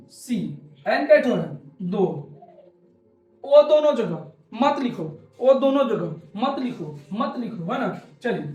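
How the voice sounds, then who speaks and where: A man's voice: very high-pitched, a little mellow. Coaxing male chemistry teacher, echoey room. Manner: repetitive, coaxing, asks questions and answers them himself. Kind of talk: classroom lecture.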